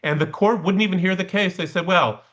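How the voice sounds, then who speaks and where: With a high, slightly bright voice and a fairly quick delivery, a man explains material in a conversational study session held over a video call for an online class. He frequently checks in with a short questioning tag. The audio is muffled.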